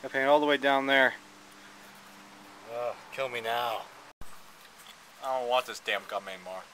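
Casually rambling and joking outdoors near a wooden deck and yard, a young house painter talks into a camera held at arm's length for his vlog. His voice is medium-pitched and unhurried against a noisy background.

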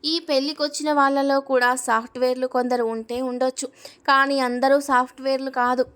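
A woman voicing a nosy middle-aged neighbor in a storybook reading, confiding in a low, careful way. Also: smooth, lightly acted.

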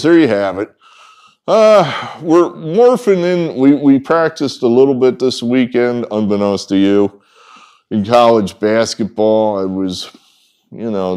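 In a wood-paneled room, before a whiteboard, a middle-aged man hosts a sports betting picks video in a fairly low, smooth, darkish voice. His casual talk to camera is rambling and folksy, with frequent ums and trailing asides.

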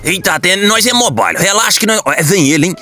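Excitable high-voiced man, twang. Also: fast talker, soft background music. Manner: excitable, exaggerated, folksy rural slang. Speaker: gaming comedy creator. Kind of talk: comedic gameplay commentary.

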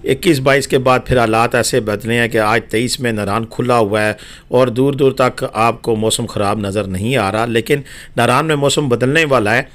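A man's voice: medium pitch, normal speed, fairly bright tone. A man narrating a travel and weather update as a voice-over, chatty and informal, with frequent fillers.

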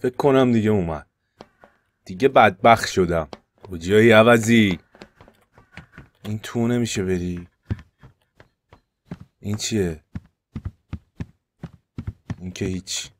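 A man's voice: on the low side, pauses often, a little hiss or hum. Jumpy Persian-speaking gamer man. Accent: Iranian Persian. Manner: jumps from loud panicked yelps to hushed tense muttering. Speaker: gaming YouTuber. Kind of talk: let's play commentary.

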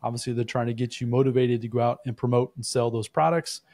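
A man's voice: medium pitch, level tone, quick pace, a little mellow, no room sound, studio quality. A man co-hosting a podcast, asking his co-host probing, leading questions in a casual conversational way with frequent restarts.

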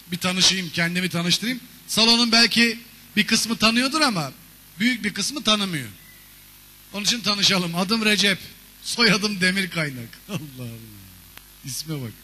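Bright-voiced man doing stand-up. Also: high voice. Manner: animated storytelling with shouted character voices. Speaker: stand-up comedian. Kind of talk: stand-up comedy monologue. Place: theater stage before a live audience. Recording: long reverb of a stage hall.

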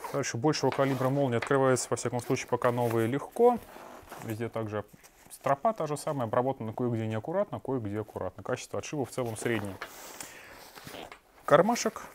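A medium-pitched man in his thirties, a shop owner, reviews a backpack in a small shop room while wearing a lapel mic, with slight background noise. His product review is blunt and sarcastic, sprinkled with crude asides.

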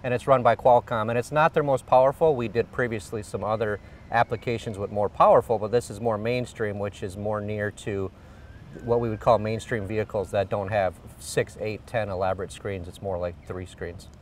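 A man's voice: lowish voice, steady tone, normal speed, far from the mic, a little hiss or hum. A middle-aged man, an engineering executive, explaining a product in an outdoor on-camera interview with frequent fillers. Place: outdoors beside a car. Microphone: lapel.

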